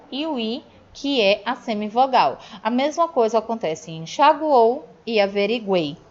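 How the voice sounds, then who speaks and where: A Brazilian woman teacher going over grammar in a recorded review lesson, explaining step by step and checking in with her students. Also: on the high side. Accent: Brazilian Portuguese. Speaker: Portuguese teacher. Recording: dull lo-fi audio.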